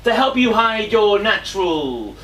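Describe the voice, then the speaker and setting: A man playing a sardonic journalist in a live stage comedy, with a wry, deadpan delivery. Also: high voice, measured pace, full character voice. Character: dry male journalist, sardonic sidekick. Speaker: journalist character. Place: theatre stage. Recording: roomy far-off stage sound, audible room noise.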